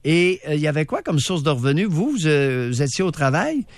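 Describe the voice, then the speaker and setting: A man's voice: fairly high pitch, very animated, fairly quick, no echo. A male radio host with a Québécois French accent, bluntly and sarcastically probing a caller. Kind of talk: call-in radio show.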